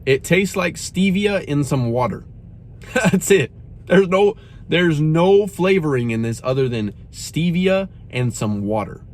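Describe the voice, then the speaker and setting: A man's voice: a little high, unhurried. A young man reviewing a drink in a casual, exasperated rant, saying "bro" often. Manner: animated, exasperated, says "bro" a lot.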